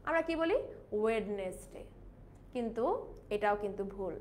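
A young woman leads a live online pronunciation lesson, mixing Bengali and English. Her voice sits high and swoops up and down a lot. She repeats each word slowly for her students. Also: animated, slight background noise. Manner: switches between Bengali and English, drills words slowly. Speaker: English teacher.

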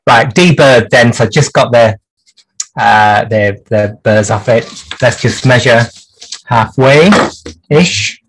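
A man's voice: medium pitch, slow, a bit bright, husky, poor audio. A man hosting a clock repair livestream from his workshop bench, chatting through the work with dry jokes and lots of hesitations.

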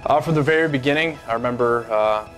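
A former pro baseball player in his twenties gives a seated interview, casually recalling the past in a mid-range voice. His unscripted answers are halting, full of "um," fillers and restarts, and he's in a high-rise office by a big window with a soft music bed underneath.

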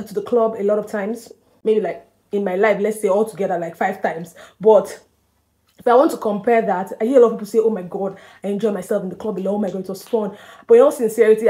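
A woman's voice: mid-range voice, mellow. A young woman vlogging to camera in a chatty, emphatic way, laughing often, a little nervous and slightly out of breath. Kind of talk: casual talk to camera.

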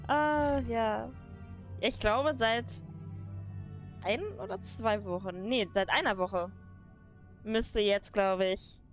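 Over faint background music, a young woman gives casual commentary while livestreaming a game from her room, laughing often as she talks. Her voice is mid-range, and she draws out her words and leaves long pauses.

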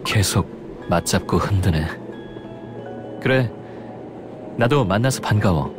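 An actor playing a calm, aloof young male space traveler with a cool, deadpan delivery in a game story. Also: on the low side, slow pace. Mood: deadpan, weary. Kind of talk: scripted game story dialogue. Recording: music behind the voice.

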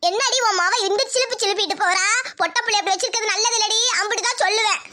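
A woman voicing a nagging, stubborn old village grandmother in a cartoon, speaking a with a shrill voice. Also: fast, pushed and bright, slight background noise. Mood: grumbling.

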